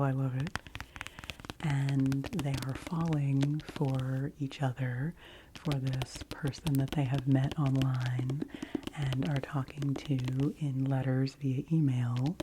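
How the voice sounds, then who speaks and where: A woman giving an ASMR book review in a hushed library whisper that slips into very soft speaking. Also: very deep voice. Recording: noisy close recording with clicks and tapping.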